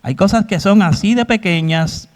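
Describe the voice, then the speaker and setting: Man, sermon, rhetorical questions to the congregation, fairly high voice. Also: normal speed. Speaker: preacher.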